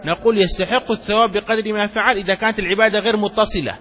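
Husky high-voiced man lecturing on religious law. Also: steady tone, very fast, pushed and bright, big-room sound. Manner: explains with examples and checks understanding; reads a text aloud, then comments on it. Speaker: Islamic scholar teaching a text.

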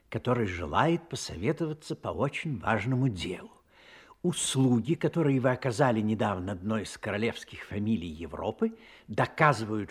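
A sensitive gentleman doctor in a radio drama, the loyal companion of a detective. He speaks earnestly and formally, with a husky edge and lively, wide-moving intonation. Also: on the low side. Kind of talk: Russian radio play acting.

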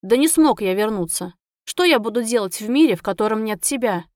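A woman's voice: a little high, expressive, a little fast, darkish tone, no room sound, clean studio sound, close to an everyday voice. A woman voicing a young male half-elf vampire hunter who is teasing yet affectionate, in her own voice. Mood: tender.

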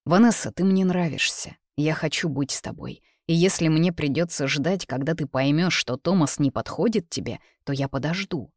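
A man's voice: on the high side, moderate pace, few pauses, no echo, clean studio sound. A reader voicing a young man, a persistent and jealous suitor who pleads and turns bitter, in a read-aloud novel. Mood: pleading. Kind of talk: audiobook character reading.

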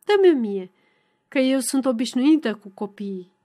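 A woman's voice: high-pitched, animated, dark tone. A woman voicing a flustered, doting middle-aged mother who fusses tenderly. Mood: soothing. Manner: fussing, emotional, tender.

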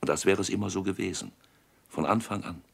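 A man narrating a literary script in a deliberate, evocative manner with dramatic pauses. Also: deep voice, gravelly, breathy edge.

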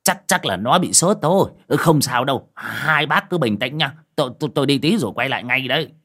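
A man's voice: mid-range voice, lively intonation, fairly quick, fairly bright tone, pitched above the performer's own voice. A man doing a stammering, panicky old man. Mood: flustered. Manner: stammering, trembling with fear.

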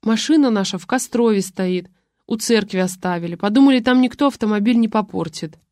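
Woman reading a calm male police officer. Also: medium pitch, brisk, dry recording, studio quality, natural voice. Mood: matter-of-fact. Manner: calm, matter-of-fact.

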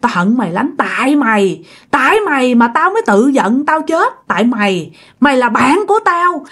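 A woman storyteller acts out a vengeful female ghost in a high, wildly swooping Southern Vietnamese voice that is sing-song, fairly bright, breathy-edged and exaggerated, at a moderate pace. Jealous and bitter, the ghost hammers her betrayer with accusations and curses, insistently repeating phrases. Bursts of menacing laughter break through her vengeful cursing.

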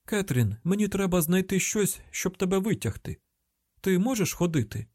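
A man's voice: high voice, sing-song, normal speed, dry recording, studio quality, pitched above the performer's own voice. A man voicing a tense, commanding young woman FBI agent in an audiobook, with a Ukrainian accent. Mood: urgent. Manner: urgent shouted commands.

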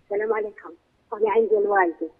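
Female phone-in caller, halting and repetitive, heard through a muffled, unclear phone link. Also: medium pitch, husky. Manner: halting, repeats her greetings and phrases. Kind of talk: call-in question to a religious program. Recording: tinny, muffled phone line.

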